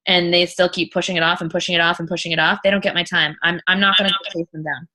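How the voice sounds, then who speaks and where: A woman with a slightly low, bright and forceful voice coaches her team informally. She is blunt and emphatic, hammering points by repetition and swearing casually. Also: little pitch movement, fast talker, rough recording. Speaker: team leader and business coach. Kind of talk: informal live coaching talk.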